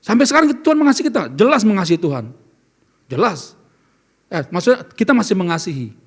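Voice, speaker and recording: Man, very high pitch, gravelly, pastor, sermon, earnest, asks questions. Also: sing-song, fast. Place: church service.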